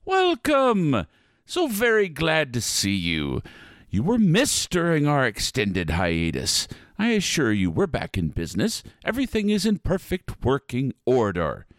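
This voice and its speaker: A man playing a pompous, mischievous spooky dark ride narrator in a grandiose, scripted comedy show. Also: medium pitch, huge pitch swings, unhurried, no echo, clean studio sound. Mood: eager showman. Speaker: host of a horror dark-ride comedy podcast.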